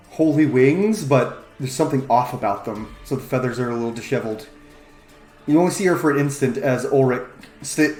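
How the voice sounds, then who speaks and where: A man's voice: mid-range voice, a little mellow. A man narrating a tabletop role-playing game as the game master. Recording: roomy echo, faint music underneath. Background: faint background music.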